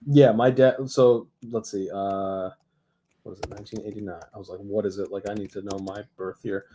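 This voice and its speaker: A man's voice: fairly low pitch, fairly even intonation, a little fast, dark tone, a little hiss or hum. A man in his thirties co-hosting a sports podcast, chatting casually with many fillers and hesitations. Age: 30s. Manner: hesitant, filler-heavy, laughing asides. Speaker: podcast co-host.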